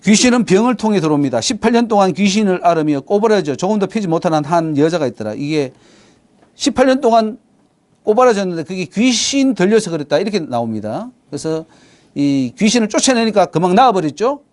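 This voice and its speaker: Animated high-voiced male preacher. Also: fairly quick. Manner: animated preaching, swings from loud to hushed. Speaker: pastor. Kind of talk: sermon.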